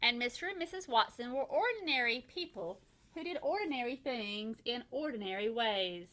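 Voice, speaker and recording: A woman with a slightly high voice reads a children's bedtime story aloud in the manner of a first grade teacher. Her storytelling is expressive and deliberate.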